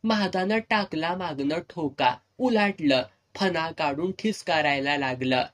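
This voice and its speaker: A man narrating a serialized village novel in earthy, vivid dialect. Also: on the high side. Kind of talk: storytelling narration.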